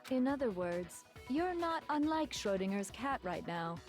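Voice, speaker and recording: A woman playing a composed, condescending teenage girl villain in a video game, articulate, measured and smug. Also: a little high, sing-song, soft background music. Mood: coolly condescending. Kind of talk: English video game voice acting.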